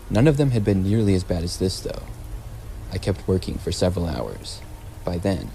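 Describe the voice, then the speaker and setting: A man narrating a scripted first-person story in a measured, plain storytelling delivery. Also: sits low, vocal fry, warm tone, a little hiss or hum, poor audio. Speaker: narrator of horror stories.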